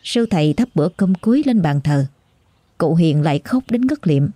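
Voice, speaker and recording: Woman reading a ghost story, measured and somber, low voice, dry close sound. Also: animated, dark tone, dry recording. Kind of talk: scripted ghost story narration. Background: faint music.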